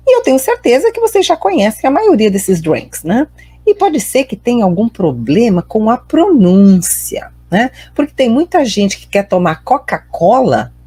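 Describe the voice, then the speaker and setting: A woman's voice: medium pitch, dark tone, breathy edge, dry recording. A woman with a Brazilian Portuguese accent teaching an online English lesson, carefully drilling pronunciation and switching between Portuguese and English.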